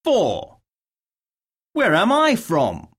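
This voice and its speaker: In a medium-pitched, husky voice with huge swings in pitch, a woman reads a prepared English lesson. She pronounces each word, question and dictation line carefully, pausing between them.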